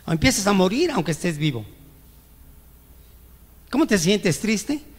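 A man's voice: high voice, big pitch swings, measured pace, breathy edge. A male pastor preaching a sermon, firing rhetorical questions at the congregation and acting out whiny complaints to God. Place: church. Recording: reverberant church hall.

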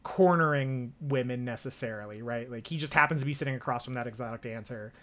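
A man's voice: mid-range voice, fast talker, a bit bright. A man co-hosting a film podcast, talking casually with lots of fillers and restarts. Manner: rambling, many fillers and restarts. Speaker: podcast co-host.

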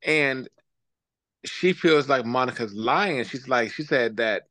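Male podcast co-host, gossipy and profane, bright and animated. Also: mid-range voice, slow, no room sound. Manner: loud, profane, joking, cackling laugh. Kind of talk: casual gossip chat recapping reality TV.

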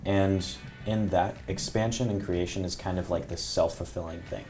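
A very low-voiced man talking as a podcast guest, reflective and meandering. His casual speech is full of ums and restarts. Faint music sits low in the background. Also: steady tone, normal speed. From Mexico. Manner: reflective, filler-heavy, musing.

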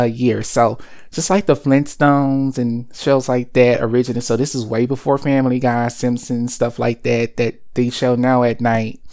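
A man's voice: medium pitch, a little mellow, clean tone. A man hosting a casual segment, talking in a rambling way with lots of fillers and self-corrections. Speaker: host of a cereal and cartoon segment.

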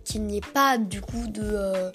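A woman's voice: medium pitch, measured pace, fairly bright tone, soft background music. A young woman hosting a casual gardening podcast, talking with many fillers and restarts. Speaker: podcast host.

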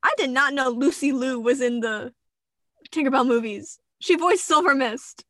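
This young woman's high voice comes through clean studio sound with no echo as she chats with friends at a normal speed. She's animated and enthusiastic, eagerly passing along trivia in casual conversation.

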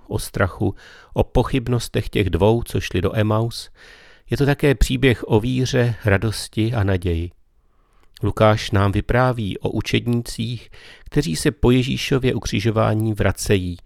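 A man gives a slow, meditative spiritual talk as a preacher. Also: lowish voice, creaky, a little mellow, no echo, clean studio sound.

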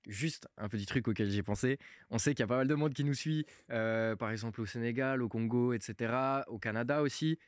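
A man's voice: medium pitch, a little fast, no room sound. Young swiss guy hosting a podcast, laid back and jokey, dry close mic. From Switzerland. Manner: relaxed, joking, trails off quietly. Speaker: podcast host. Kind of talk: casual podcast chat.

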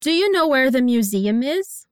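A woman hosting an English lesson, encouraging and slowing down to drill pronunciation. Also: high-pitched, big pitch swings, smooth, no room sound, clean studio sound. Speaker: English teacher and podcast host. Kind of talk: scripted language lesson narration.

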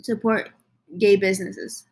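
A woman in her early twenties co-hosting a radio show, quippy and quick to laugh in casual chat. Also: medium pitch, little pitch movement, slightly rough.

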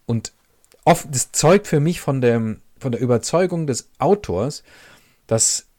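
A man reading a first-person novel passage aloud in a measured, reflective way. He then comments on it as a book reviewer. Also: medium pitch, lively intonation, a little mellow, no echo, clean studio sound. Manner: measured, reflective, pauses to savor sentences.

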